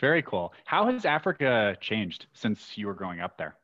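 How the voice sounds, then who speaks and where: A man with a fairly low voice hosts a podcast. He asks easygoing, rambling questions. The sound is a bit dull. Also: big pitch swings, moderate pace, a bit bright. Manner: friendly, loose, filler-heavy questions. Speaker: podcast host. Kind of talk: casual interview hosting.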